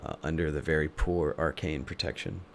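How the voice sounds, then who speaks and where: A man improvising narration as a tabletop game master, thinking aloud in a halting way. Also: a bass voice, steady tone, vocal fry, slight background noise.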